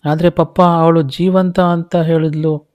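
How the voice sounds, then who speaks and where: A man's voice: flat delivery, unhurried, darkish tone, lightly acted. A man doing a scared little village boy. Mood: pleading. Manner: pleading, near tears, high and urgent.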